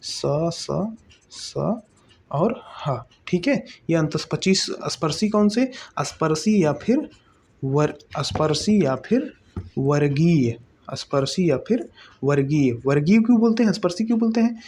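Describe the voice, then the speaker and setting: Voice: medium pitch, lively intonation, measured pace, a little mellow, a little hiss or hum. A teacher giving an exam-prep grammar lesson, explaining step by step, asking and answering their own questions and checking in often. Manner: repeats terms and checks in often.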